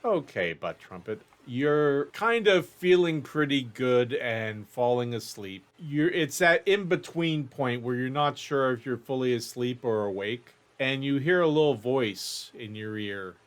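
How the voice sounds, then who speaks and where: A man's voice: medium pitch, animated, measured pace, few pauses. A man narrating a tabletop game casually as game master.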